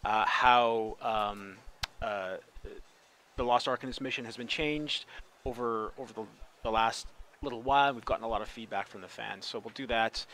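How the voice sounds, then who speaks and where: A man hosting a live game developer stream, talking in a halting way with repeated words. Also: medium pitch, fairly bright tone, slight background noise.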